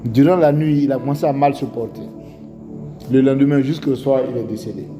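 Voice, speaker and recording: A man's voice: medium pitch, fairly quick. A man with an Ivorian French accent preaching a sermon, telling stories and asking rhetorical questions. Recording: echoey hall with faint music.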